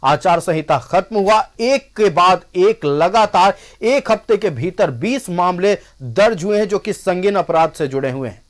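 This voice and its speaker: A man's voice: high-pitched, expressive, unhurried, hardly any pauses. A male news anchor moderating a TV debate, steering the panel and cutting in to ask his questions.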